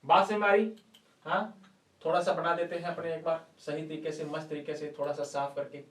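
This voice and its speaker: A man's voice: fairly high pitch, little pitch movement, fairly quick, a bit bright. A male chemistry teacher giving an online class lecture, playful and coaxing, quizzing students with rhetorical questions and folksy sayings. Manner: calls students "beta ji", uses folksy sayings. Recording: echoey room, distant mic.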